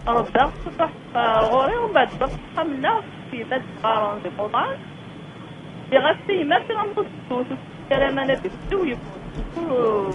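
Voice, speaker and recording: A woman phoning in to a radio show, talking haltingly with many fillers. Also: sits high, sing-song. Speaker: caller. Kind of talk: phone call to a radio show. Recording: dull line with loud hiss.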